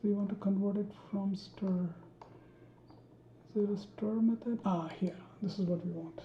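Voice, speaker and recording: A woman teaching a coding tutorial, thinking aloud with many pauses, ums and restarts while she types. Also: medium pitch, a little hiss or hum. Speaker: programming tutor. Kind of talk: screen-recorded coding tutorial. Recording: dull roomy home recording.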